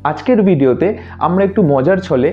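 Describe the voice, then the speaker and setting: A man from India giving a casual video lesson on English pronunciation, friendly and playful, slowing down to stress each corrected word. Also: a little high, animated, dark tone, highs cut off, faint music behind.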